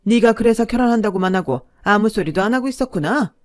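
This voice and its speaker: A woman voicing a snobbish middle-aged mother who talks down to others in a shrill, domineering way. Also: expressive, quick pace, faint music behind, close to an everyday voice. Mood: scornful. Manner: shrieking, scornful, loud.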